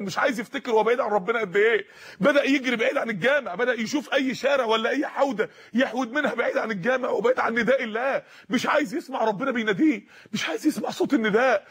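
Male preacher, Egyptian accent, fast, high-pitched, rhythmic storytelling sermon. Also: breathy edge. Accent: Egyptian Arabic. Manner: rhythmic, repeating phrases.

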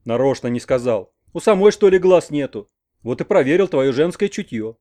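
Gruff, stubborn old grandfather, voiced by a male reader, growling orders. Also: medium pitch, expressive, normal speed, mellow, close to an everyday voice. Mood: taunting.

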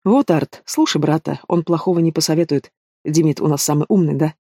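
Audiobook heavy: mocking young thug, read by a man, mellow and fairly high. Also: a little fast, no echo, studio quality. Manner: taunting, drawling, casual menace. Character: sneering young male villain, lazy and mocking. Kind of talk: audiobook character voice.

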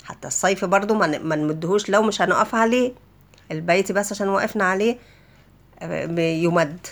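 A woman with an Egyptian Arabic accent teaching a tajweed lesson for beginners, explaining the rules step by step in relaxed colloquial speech. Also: mid-range voice, a little fast. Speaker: Quran recitation teacher.

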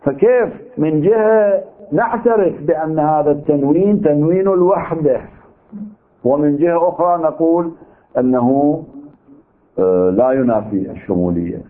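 A man teaches a seminary lecture in an Iraqi Arabic accent, working through his reasoning with rhetorical questions. His voice sits a little high for a man. The sound is thin and tinny, like a narrow-band recording. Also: expressive, normal speed. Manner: argumentative, poses rhetorical questions. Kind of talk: lecture on legal theory.

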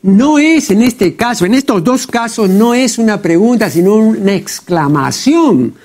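Critiquing errors in a translation, a TV program host speaks in a high, expressive, slightly mellow voice. He's deliberate and pedantic in his studio commentary, often saying "pues" and ending sentences with a questioning "¿no?", heard in TV audio.

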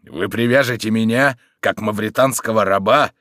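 A man's voice: on the low side, normal speed, a bit bright, no echo, clean studio sound, lightly acted. A man reading an audiobook who plays a proud old nobleman, speaking in a grave, haughty manner.

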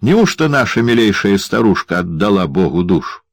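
A man's voice: fairly low pitch, big pitch swings, moderate pace, dry recording, voice pushed up. A man voicing a spiteful, cruel male dwarf who jeers and snarls in an audiobook. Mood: mocking, snarling. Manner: jeering, shouting, sneering. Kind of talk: audiobook character voice.

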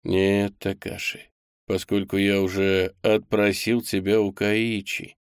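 A man voicing a confident male boss in an audiobook, giving brisk, assured orders. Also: fairly low pitch, level tone, clear, resonant tone, dry recording, clean studio sound. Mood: commanding. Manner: assured, directive. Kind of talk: audiobook character voice.

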